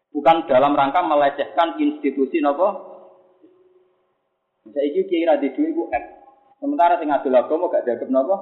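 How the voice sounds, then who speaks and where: A man preaches in a Javanese accent, joking and peppering his listeners with rhetorical questions. His voice sits a little high. The sound is thin and phone-like, with a roomy echo. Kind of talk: religious sermon.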